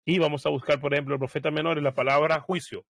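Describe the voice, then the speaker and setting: In a laid-back screen-share tutorial, a man shows how to search Bible software, narrating every step and often stalling on fillers as he thinks out loud. His voice is fairly high and gravelly, and there's no room sound at all.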